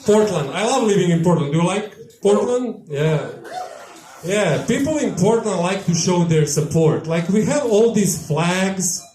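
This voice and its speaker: A man with a Yugoslav accent works a live stand-up set in a small tavern, his voice sitting fairly high for a man. He delivers dry, deadpan one-liners into a handheld mic. The room around him is echoey and bouncy. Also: a little slow. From former Yugoslavia. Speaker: stand-up comedian.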